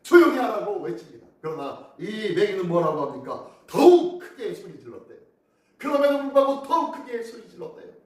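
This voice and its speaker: A man preaching a dawn sermon as pastor, animated and asking the congregation questions, recorded by a phone camera from a distance. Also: high voice, brisk. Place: church sanctuary. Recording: echoey room from far off.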